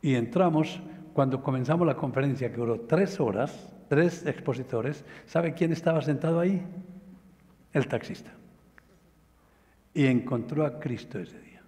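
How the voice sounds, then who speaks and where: A man preaching a sermon who tells a story emphatically and slows down to stress key phrases. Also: medium pitch, darkish tone. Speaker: pastor. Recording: reverberant hall sound.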